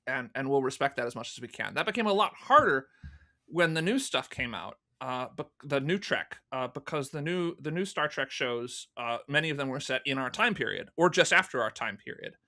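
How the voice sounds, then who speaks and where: As a guest interviewee, a man who produces fan audio dramas tells stories and explains things conversationally at length, acting out remarks from memory. His mid-range voice is animated, brisk, bright, and forceful.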